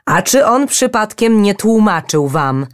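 Stern storybook mountain, huge and commanding, scolding tone, slow loud delivery, played by a woman narrator. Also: mid-range voice, big pitch swings, pitched above the performer's own voice.

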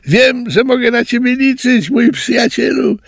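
Mężczyzna czytający bajkę, który podkłada głos małemu, piszczącemu tapirkowi. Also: male voice, measured pace, gravelly, no room sound, clean studio sound, full character voice. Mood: cheerful. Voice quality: very high squeaky voice. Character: tiny squealing male tapir calf, timid then joyful. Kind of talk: storybook reading.

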